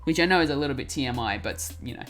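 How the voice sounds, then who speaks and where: Over faint lo-fi music, a young woman streams while crafting, giggling and chatting casually with her chat and often restarting her words. Her voice is extremely low-pitched, animated and racing.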